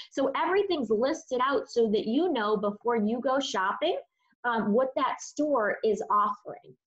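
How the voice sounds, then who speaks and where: A woman's voice: fairly high pitch, highs cut off. A woman giving an upbeat, chatty walkthrough of a shopping website over a screen share, with many "um"s and "you know"s. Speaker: online shopping presenter.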